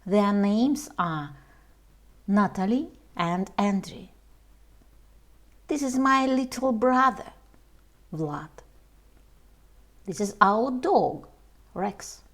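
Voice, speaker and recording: A woman reading a homework lesson aloud for young children, slowly and carefully, as their English teacher. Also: mid-range voice, animated.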